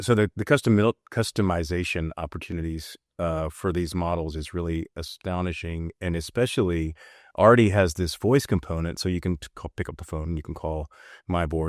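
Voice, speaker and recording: Very deep-voiced earnest male host. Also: no echo, clean studio sound. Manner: earnest, rambling questions with restarts. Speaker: podcast host. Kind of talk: casual podcast conversation.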